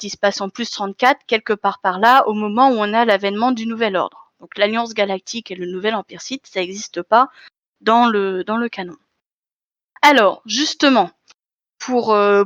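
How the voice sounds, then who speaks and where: Woman conference speaker, slightly high voice, chatty explainer who corrects herself, dry lo-fi recording. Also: a bit bright, no room sound. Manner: explanatory, frequent fillers and self-corrections. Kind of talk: live lecture with slides.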